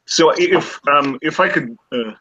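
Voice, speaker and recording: A man's voice: on the high side, measured pace, bright, forceful tone, muffled recording. A man voicing a polite, modest male linguist in an improvised tabletop role-play, with an attempted French accent, hesitant and full of fillers. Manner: hesitant, many fillers, slips into other accents.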